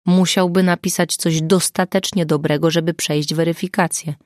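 A woman's voice: on the low side, fairly even intonation, moderate pace, dry recording, clean studio sound, close to an everyday voice. Agata, a weary harassed writer, read by a woman. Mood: rueful.

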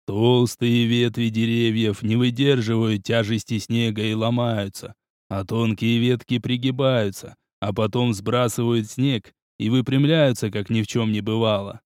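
A man voicing an unseen, deep-voiced male spirit who calmly advises the hero. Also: clear, resonant tone, no echo, clean studio sound, natural voice. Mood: calm, instructive. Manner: slow, calm, instructive.

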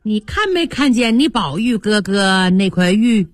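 A woman voicing a clever young lady who talks crisply and quickly. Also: medium pitch, animated, dry recording, clean studio sound, natural voice. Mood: probing.

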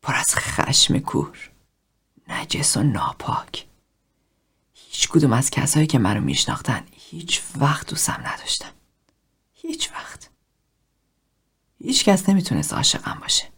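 A woman reading a cold, self-loathing middle-aged man in group therapy, speaking in a low, hushed, half-whispered confession. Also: lively intonation. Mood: anguished.

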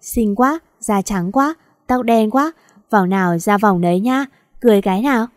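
A woman's voice: medium pitch, moderate pace, no room sound, studio quality, lightly acted. A woman voicing a stylish, doting rich mother in her forties who gushes with cooing praise. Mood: gushing.

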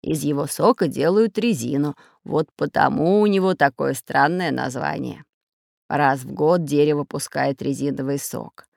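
Old storybook professor done by a narrator, slow, lecturing, gravelly. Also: mid-range voice, a little mellow, no echo, clean studio sound, voice pushed down. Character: learned older male geographer professor, patient.

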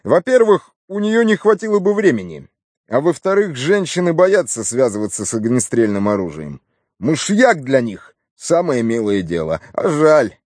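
A brash middle-aged police inspector, as a male audiobook reader puts him on, pitched high above his usual voice and pushing hard. He talks quickly and emphatically, with big swings in tone. The recording is dry and close. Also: very animated, a little mellow, no echo. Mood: grumbling. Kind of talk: audiobook character voice.

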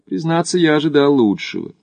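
A man voicing a brash, talkative Australian male climber with a brisk, mocking manner. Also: fairly high pitch, animated, a little mellow, no room sound, voice pushed up.

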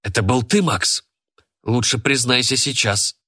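A man voicing a stern, angry father who speaks in sharp, cold, clipped lines in a spoken storybook. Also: medium pitch, unhurried, slightly rough.

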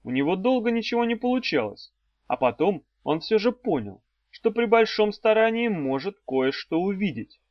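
Male audiobook narrator, measured, a bit high; dry, muffled audio. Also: very animated, no echo. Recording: dry, slightly dull audio.

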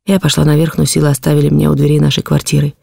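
Woman narrating a classic novel, gravelly. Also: low voice, very fast, dry recording, studio quality. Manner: emotional, expressive first-person reading. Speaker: audiobook narrator.

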